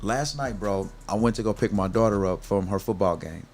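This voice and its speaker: A man's voice: fairly low pitch, normal speed, darkish tone, faint music behind. A middle-aged man hosting a podcast in a casual, earnest way, often stopping to restart and calling his guest "bro". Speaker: podcast host. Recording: faint background noise.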